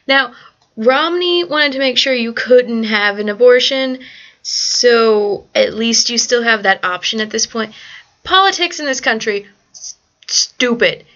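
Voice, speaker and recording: Bright-voiced young woman ranting bluntly. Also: a little high, measured pace, dull audio. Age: young adult. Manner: frequent cursing, blunt and ranty; valley-girl fillers like "like". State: groggy on painkillers late at night. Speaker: vlogger answering a survey. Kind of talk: casual rambling survey vlog.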